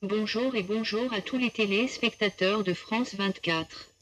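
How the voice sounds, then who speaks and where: A humanoid robot speaking with a synthesized female text-to-speech voice, as a guest on a TV studio set, in an even, measured manner. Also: medium pitch, slight background noise, low-quality recording. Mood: calm.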